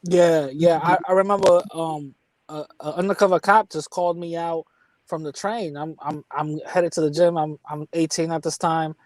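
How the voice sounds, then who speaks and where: Man, New York accent, fairly high voice, dry close mic, candid streetwise storytelling, casual chat. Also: fairly even intonation, moderate pace, a little mellow, dry recording, low-quality recording. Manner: streetwise, candid, frequent restarts.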